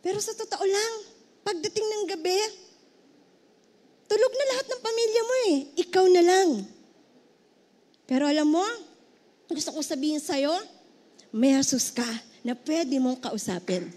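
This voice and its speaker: A woman's voice: very high voice, moderate pace, long pauses, darkish tone. A middle-aged woman pastor with a Filipino accent preaching a heartfelt sermon, now and then breaking into song.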